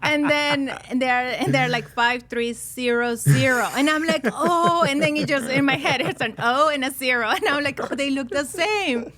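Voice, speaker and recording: A Peruvian woman of about forty, a loan officer, tells stories as a podcast guest in a casual interview, speaking with a Peruvian Spanish accent. She's chatty and laughs often between fillers. Her voice is high-pitched and a bit bright, at normal speed with few pauses.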